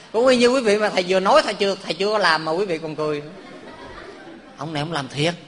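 A monk with a high, bright voice gives a playful dharma talk. He keeps putting questions to his listeners and drifts into funny stories. His voice rings through a large hall with a long reverb. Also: a little hiss or hum. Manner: quizzes the audience, jokes and tells stories. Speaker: Buddhist monk teaching.

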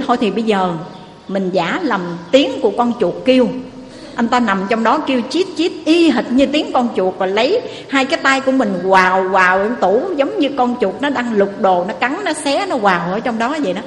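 Woman telling a moral tale in an echoing hall. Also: on the high side. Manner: lively storyteller, addresses the audience often. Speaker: preacher. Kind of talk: moral storytelling sermon. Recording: echoey hall, faint noise.

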